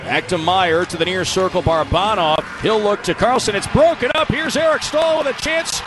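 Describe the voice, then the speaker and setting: Male hockey radio caller, very high pitch, rapid excitable play-by-play, noisy arena behind him. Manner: excited, shouting on goals. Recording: radio broadcast over loud arena noise. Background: loud arena ambience.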